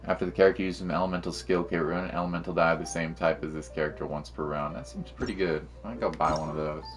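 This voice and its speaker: Speaking quickly in a low, steady voice, a man gives relaxed gameplay commentary on a livestream. He leans on slang and talks things through to himself, with game music audible in the background.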